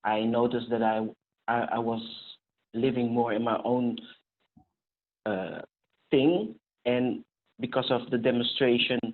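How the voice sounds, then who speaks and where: A man's voice: medium pitch, steady tone, a little slow, pauses often. A man, speaking hesitantly with frequent restarts on a video call. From Netherlands. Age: 40s. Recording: tinny phone-like call audio.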